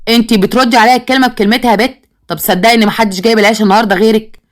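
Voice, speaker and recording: Woman narrator reading a bossy Egyptian father, quick and scolding. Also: fairly high pitch, fairly even intonation, close to an everyday voice. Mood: stern. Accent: Egyptian Arabic. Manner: commanding, scolding. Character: stern, bossy village father who favors his daughter-in-law.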